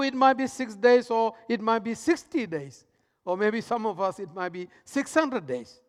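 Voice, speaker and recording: A man with a high-pitched voice preaching a sermon in a big echoing church hall. He pushes some lines out loudly, then drops others to a near-whisper. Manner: dramatic swings between loud emphasis and hushed, soft lines. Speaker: pastor.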